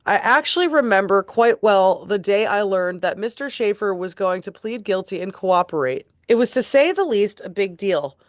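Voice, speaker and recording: A woman reading court transcript passages aloud in a steady, deliberate way and adding her own remarks. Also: mid-range voice, no room sound, clean studio sound. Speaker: tribute band host reading court transcripts.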